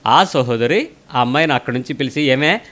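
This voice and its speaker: A male preacher talks fast in a higher voice and pushes hard with direct questions. He tells a story and quotes the people in it as he goes. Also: animated, a bit bright. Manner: pressing, questioning, speaks straight at the listener. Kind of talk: sermon.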